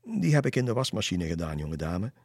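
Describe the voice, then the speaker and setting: A man's voice: on the low side, lively intonation, normal speed, darkish tone, husky, dry recording, studio quality. A man voicing a strict, caring mother with a firm, scolding manner while reading a storybook aloud. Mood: stern.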